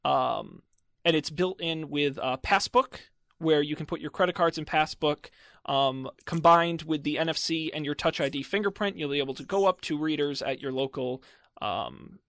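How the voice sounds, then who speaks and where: A man's voice: on the high side, moderate pace, gravelly, a bit bright, no room sound. A man hosting a casual tech podcast, chatty and wry, with lots of fillers. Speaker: podcast host.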